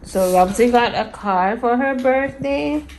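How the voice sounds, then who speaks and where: A woman's voice: a little high, a little slow, darkish tone. A woman in her thirties, a mom vlogging her family weekend in a chatty, casual way. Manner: chatty, coos and baby-talks to her daughters. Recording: noisy phone recording.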